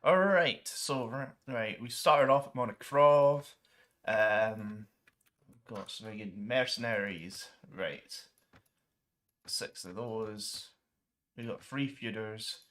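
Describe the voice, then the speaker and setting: Rambling bright-voiced gaming streamer man. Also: on the low side, takes it slowly. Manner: rambling, many ums and restarts, mild swearing substitutes. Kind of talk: casual gameplay commentary.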